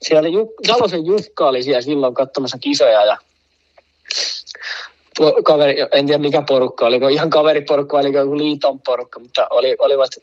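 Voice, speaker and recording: A man with a slightly high voice rambles through a story in relaxed chat, stacking fillers and asides as he goes. The sound is dull and a bit lo-fi. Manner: rambling, full of fillers, laughs at own story. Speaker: guest telling a story. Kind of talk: casual anecdote.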